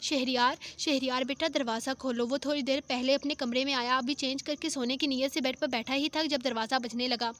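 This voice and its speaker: High-voiced woman narrating a romance novel. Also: a little fast, hardly any pauses. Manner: steady reading with small restarts. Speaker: novel reader.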